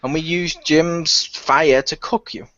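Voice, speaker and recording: A man with a fairly high, steady voice speaks slowly, his tone pushed and bright. He's a cast member of an audio drama, chatting casually, teasing the others and laughing a lot. The recording is dry, dull and lo-fi.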